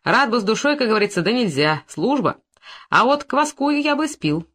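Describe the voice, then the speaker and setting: A reader voicing a brisk male investigator in an audiobook, questioning with dry, mildly mocking persistence. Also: mid-range voice, big pitch swings, a bit bright, pitched above the performer's own voice. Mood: probing.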